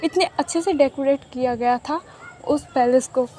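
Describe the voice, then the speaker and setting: A woman narrates a love story in a casual, chatty way. Her voice is high and mellow, and she repeats herself and mixes in English words. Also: moderate pace, slight background noise.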